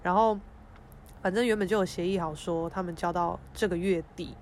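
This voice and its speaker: A young woman hosts a podcast. She tells stories in a frank, expressive, emotional way and swears casually. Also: fairly low pitch, a little fast, a little hiss or hum. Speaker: podcast host. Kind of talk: casual storytelling monologue.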